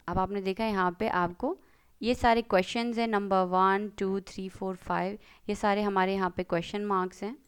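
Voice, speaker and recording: A woman teaching German grammar in a video lesson, switching between Hindi and English and reading example sentences slowly. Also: medium pitch, smooth.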